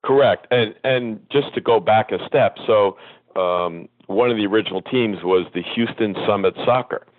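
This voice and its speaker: A man being interviewed as a guest, telling long rambling anecdotes with many pauses and ums. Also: lowish voice, dry recording. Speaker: guest, former soccer executive. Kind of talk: reminiscing interview storytelling. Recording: tinny phone line.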